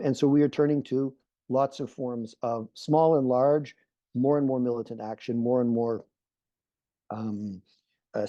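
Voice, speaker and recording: This is a mellow, medium-pitched male voice in a dry recording: a middle-aged Canadian peace activist talking on an online panel. The video call sounds muffled, and he earnestly repeats phrases as his points take shape.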